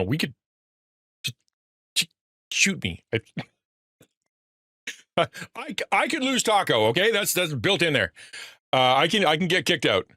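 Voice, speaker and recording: In clean studio sound without echo, a medium-pitched man with a sharp tone, a pastor in middle age, chats on his livestream. His fatherly talk is sincere but meandering, full of restarts, and he reads viewers' chat messages out loud.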